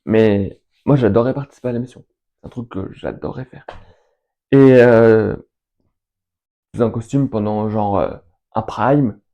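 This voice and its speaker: A young man chatting casually as host, answering questions in an enthusiastic, rambling way and listing names between pauses. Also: on the low side, mellow, lo-fi sound. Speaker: fan video host answering viewer questions. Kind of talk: casual chat.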